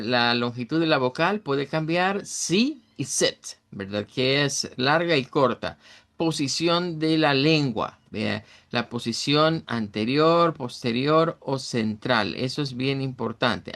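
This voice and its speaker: A middle-aged man with a Central American Spanish accent teaches English in a recorded online class, explaining vowels with plenty of fillers and self-corrections. His voice sits in the mid range and is a bit bright.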